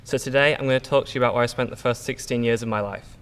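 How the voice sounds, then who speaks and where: The voice is male, medium-pitched, steady and fairly bright, moving very fast over a little hiss or hum. It belongs to a Yorkshire teenager from England giving an earnest prepared school speech, with small slips and fillers, echoing through a hall with long reverb.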